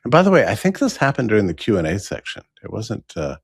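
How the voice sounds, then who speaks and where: A deep-voiced man with a slightly husky tone tells the story as a host's commentary. His pitch moves a lot as he questions what happened. The sound is dry and close. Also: wildly swooping pitch, fast talker, no echo. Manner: musing, questioning, incredulous retelling. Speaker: show host. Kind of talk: commentary on past events.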